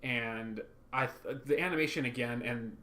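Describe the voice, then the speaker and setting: Bright-voiced man recapping an episode. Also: medium pitch, normal speed. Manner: rambling, animated, acts out quotes. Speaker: podcast co-host. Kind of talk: casual chat recapping a cartoon episode.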